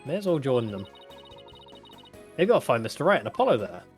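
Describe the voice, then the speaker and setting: A man's voice: mid-range voice, big pitch swings, brisk, faint music behind. A man voicing an eager, cheerful young female attorney from a game, reading her lines with friendly energy. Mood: curious.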